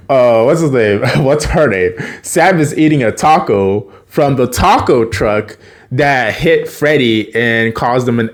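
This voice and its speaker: Brief: casual male recapper, animated pitch, stumbling and rambling. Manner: rambling, many fillers and self-corrections. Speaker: video creator.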